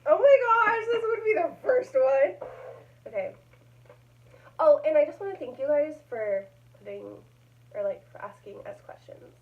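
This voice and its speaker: A woman's voice: high voice, slight background noise. Giggly young woman vlogger, lo-fi. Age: young adult. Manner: chatty, giggly, rambling with fillers. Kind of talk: casual chat. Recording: dull lo-fi sound.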